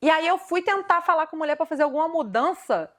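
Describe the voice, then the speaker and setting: A woman from Brazil, hosting a casual chat, telling animated, slangy stories and acting out the dialogue. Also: very high voice, fast. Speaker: host.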